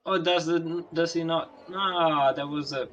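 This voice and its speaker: Bright-voiced, excitable young male co-commentator. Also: a little high, measured pace, lo-fi sound, a little hiss or hum. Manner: excitable, hesitant, bursts of enthusiasm at overtakes, non-native phrasing. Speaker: race co-commentator. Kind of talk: live sim-racing commentary.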